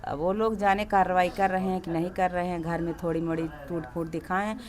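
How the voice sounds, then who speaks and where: A woman's voice: lowish voice, level tone, fairly quick, crowd noise. A woman with an eastern Uttar Pradesh accent, a grieving family member, describing what happened and pleading for justice in an interview. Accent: Bhojpuri-Awadhi eastern Uttar Pradesh. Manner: grieving, wailing lament then earnest complaint. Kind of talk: interview about a local crime case.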